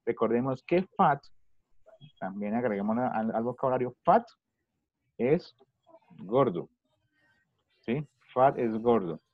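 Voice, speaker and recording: A man teaching children over a video call, asking the same question again and again with patience. His voice comes through dull and slightly muffled, and it sounds very dry and close. He speaks at an everyday middle pitch. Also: lively intonation, takes it slowly, pauses often, no room sound. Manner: patient, repeats questions to pupils. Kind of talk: online English class taught in Spanish.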